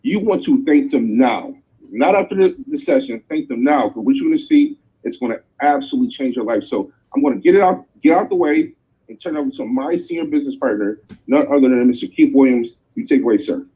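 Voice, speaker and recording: A man from Buffalo, New York, excitedly introducing a speaker over a video call and making big promises to the listeners. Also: medium pitch, a little fast, husky. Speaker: host introducing the main speaker. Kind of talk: enthusiastic introduction. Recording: dull lo-fi call audio.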